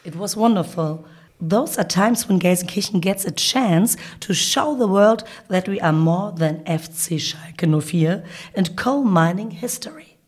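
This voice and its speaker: A woman co-hosting a podcast in scripted conversation, her voice croaky from a cold. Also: on the low side, expressive, unhurried. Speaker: podcast co-host.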